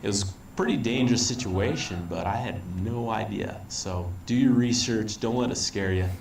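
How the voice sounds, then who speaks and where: A man's voice: on the low side, moderate pace, creaky, darkish tone. An American man telling a travel story in an easygoing, storytelling way, with frequent ums. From United States. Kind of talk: casual travel advice video. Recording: roomy, distant, faint background noise.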